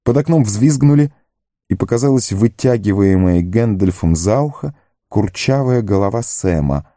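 A man narrating an audiobook in an expressive storytelling manner. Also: lowish voice, normal speed, no room sound, studio quality. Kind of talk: scripted narration.

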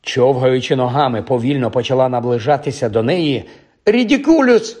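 A man's voice: mid-range voice, moderate pace, a little mellow, breathy edge. Man narrating a fantasy audiobook. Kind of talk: scripted story narration.

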